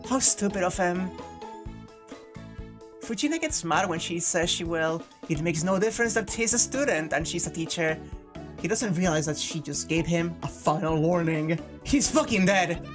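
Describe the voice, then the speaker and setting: Woman reading a visual novel out loud, lively swingy voice, amused side comments, music playing behind. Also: lowish voice, moderate pace. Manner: animated, amused, sweary. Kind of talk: narration mixed with casual commentary.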